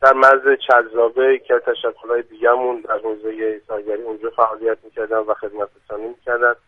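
A man interviewed by phone on the radio, formal and polite, pausing often with hesitant fillers. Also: lowish voice, level tone, no echo. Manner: formal, slow, many hesitant pauses. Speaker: phone-in guest. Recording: tinny phone line.

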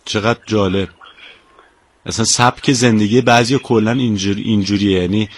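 A man's voice: on the low side, fairly even intonation, no echo. Friendly man hosting a radio chat. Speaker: radio host.

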